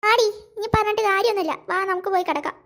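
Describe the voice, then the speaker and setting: A woman voicing a calm, coaxing older sister in a cartoon. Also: very high voice, racing. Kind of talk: cartoon voice acting.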